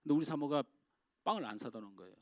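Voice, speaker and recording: A man's voice: on the high side, expressive, very fast, no room sound. Preaching man, dry close sound. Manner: conversational preaching with rhetorical questions to the congregation; swings between raised exclamations and quiet, dropped phrases. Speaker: pastor. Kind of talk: sermon. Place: church sanctuary.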